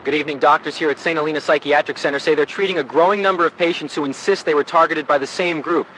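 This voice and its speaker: A man playing a formal evening news reporter giving a brisk report. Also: on the high side, steady tone, fairly bright tone, a little hiss or hum, close to an everyday voice, low-quality recording.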